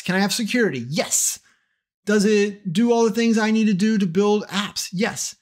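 A middle-aged man with a fairly high voice talks through a tech tutorial. He is chatty and opinionated, and he drops self-deprecating asides along the way. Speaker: tech trainer. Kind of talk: casual tutorial talk to camera.

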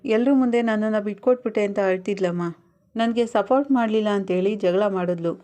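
A woman's voice: mid-range voice, a little fast, mellow, lightly acted. Woman reading as a meek young son. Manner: meek, apologetic.

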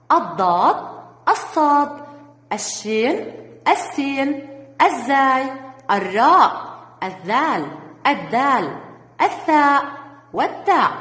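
A woman's voice: high voice, a bit bright. A woman teaching young children a reading lesson, encouraging and sing-song, praising them often. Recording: echoey room with long reverb.

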